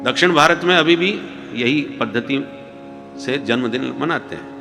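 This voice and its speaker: A man's voice: medium pitch, animated, a little slow. A man telling a devotional religious story as a sermon, slipping into folk dialect for the characters and chanting refrains. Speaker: kathavachak. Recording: hall reverb with music.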